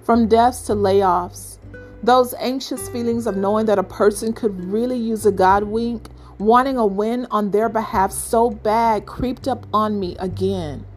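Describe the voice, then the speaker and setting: A woman hosting a reflective devotional talk, speaking gently and measuredly with pauses. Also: mid-range voice, steady tone, faint music behind. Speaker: podcast host.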